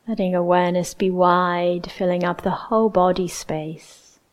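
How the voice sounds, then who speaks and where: Slow, low-voiced woman guiding meditation. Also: flat delivery. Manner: gentle, unhurried, with long pauses. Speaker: meditation teacher. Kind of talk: guided meditation.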